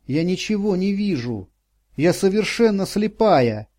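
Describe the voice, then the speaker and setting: A man's voice: sits high, very animated, unhurried, darkish tone, pitched above the performer's own voice, exaggerated voice. A man voicing a frightened, blind elderly woman who pleads and sobs. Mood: tearful. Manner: sobbing, pleading, panicky.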